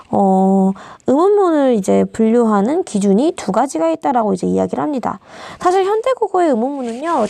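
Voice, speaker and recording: A woman's voice: a little high, creaky, mellow, dry recording. A woman teacher giving an exam-prep grammar lecture, explaining step by step and asking her students questions. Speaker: Korean language teacher.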